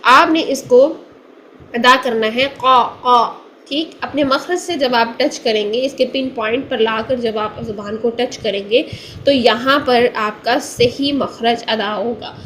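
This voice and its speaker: A woman teaching Quran recitation, patiently explaining and repeating single sounds slowly for the learner to copy. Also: on the high side, a bit bright, slight background noise. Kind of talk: tajweed pronunciation lesson.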